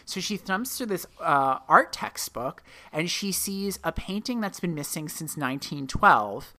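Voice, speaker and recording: A woman's voice: on the low side, animated, a little slow, pushed and bright. A woman hosting a podcast, telling a story in a rambling, self-correcting way. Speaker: podcast host. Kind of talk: casual podcast chat.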